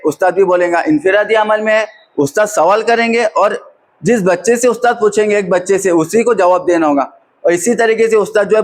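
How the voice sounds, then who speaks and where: A high-voiced man drilling a class. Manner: patient question-and-answer drilling. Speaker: teacher trainer. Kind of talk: classroom teaching demonstration.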